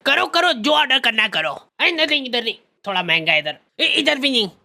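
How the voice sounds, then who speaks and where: A woman's voice: high voice, sing-song, brisk, gravelly, bright, forceful tone, full character voice. A woman voicing a boastful, self-styled love guru college senior man who lectures juniors in a comedy sketch. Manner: bragging, lecturing, self-important.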